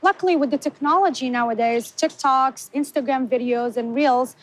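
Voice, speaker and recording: A young woman from Morocco, a business founder giving a conversational interview and speaking in a measured way, sometimes searching for her words. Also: sits high, poor audio.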